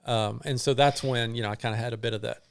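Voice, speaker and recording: A middle-aged man, a guest on an interview show, telling a long personal story in a halting way, with many restarts and fillers. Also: medium pitch, fairly even intonation, clear, resonant tone. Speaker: guest runner.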